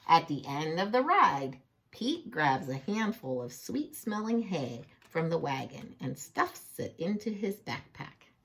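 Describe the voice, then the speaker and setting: Taking an unhurried pace, a playful woman tells children a story from a picture book. She has a husky voice with big pitch swings, and she often stops for chatty digressions, asking her listeners questions expressively.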